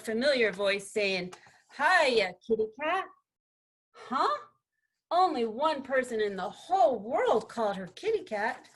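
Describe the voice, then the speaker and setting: Expressive woman reader, picture-book story, slightly high voice. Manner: expressive, gently paced storytelling. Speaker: student presenter. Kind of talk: reading a picture book aloud.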